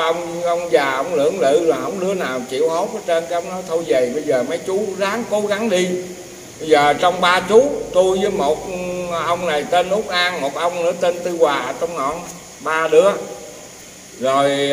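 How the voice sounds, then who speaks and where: A man's voice: fairly high pitch, moderate pace. Older man telling folksy stories, distant and echoey. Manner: rambling, folksy, quotes others in dialogue. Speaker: temple herbal healer telling a story. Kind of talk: casual storytelling. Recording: echoey, distant, roomy with faint noise.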